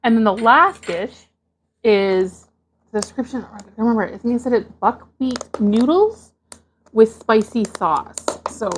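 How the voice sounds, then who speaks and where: A woman from Canada hosting her own mukbang video, chatting casually and getting excited over each dish as she unpacks it. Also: fairly high pitch, a little slow, slight background noise. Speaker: mukbang host.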